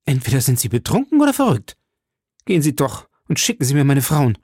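A man's voice: medium pitch, very animated, moderate pace, mellow, husky, no echo, studio quality. Man voicing a tense, cornered noblewoman. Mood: indignant.

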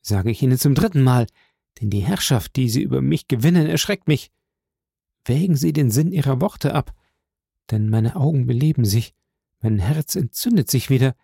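A man's voice: mid-range voice, expressive, moderate pace, creaky, mellow, slightly rough, no echo, clean studio sound. A man voicing a grieving young male soldier, speaking with rising passion and pleading outbursts. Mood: impassioned.

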